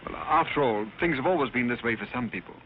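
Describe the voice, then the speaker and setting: A man acting a flippant, snobbish society gentleman in 1930s screwball film banter. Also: medium pitch, expressive, quick pace, close to an everyday voice. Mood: flippant, skeptical. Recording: tinny, noisy 1930s film soundtrack.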